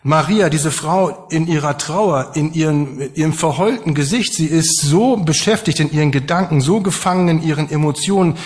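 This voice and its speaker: A man's voice: a little high, normal speed, few pauses. A man preaching a sermon to his congregation, conversational and emphatic, with rhetorical questions.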